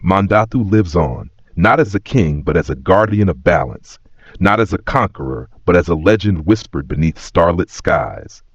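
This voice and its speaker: Telling a scripted dramatic story, a narrator with a very deep male voice sounds solemn, measured and reverent, with lively intonation. Echo fills the recording, which is slightly dull with softened highs.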